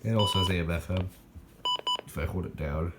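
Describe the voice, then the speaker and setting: A man with a low voice talks a little fast as he casually presents his weather radio collection, handling the radios indoors. The unscripted show-and-tell is rambling, with him thinking aloud, and the echoey room carries loud background noise.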